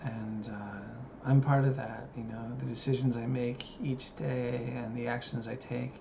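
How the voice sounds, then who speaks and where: A gravelly, level-toned man in his thirties speaks a little slowly at medium pitch in a personal vlog recorded while living in Japan. He muses hesitantly with frequent fillers. Background noise runs under the dull lo-fi sound.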